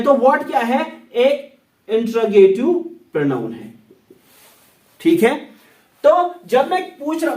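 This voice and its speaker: A man teaching English grammar in Hindi, slowly repeating example sentences. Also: extremely high pitch, recorded from a distance. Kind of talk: grammar lesson explained in Hindi. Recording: echoey room, set back from the mic.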